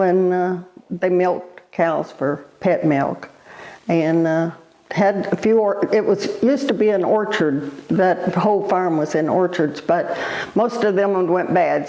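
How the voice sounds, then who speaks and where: An elderly woman reminisces in an interview in a halting, unhurried way, pausing as she recalls. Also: fairly low pitch, mellow, poor audio. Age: elderly, born 1936. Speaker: oral history interviewee.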